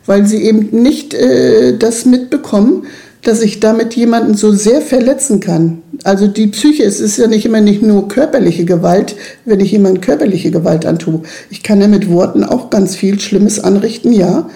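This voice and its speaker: A middle-aged woman with a gravelly, mellow voice speaks in an earnest, emphatic way. She is being interviewed about her work with children and keeps checking that her listener agrees. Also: mid-range voice, normal speed. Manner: earnest, emphatic, often asks "ne?". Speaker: children's club leader. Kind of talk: interview conversation.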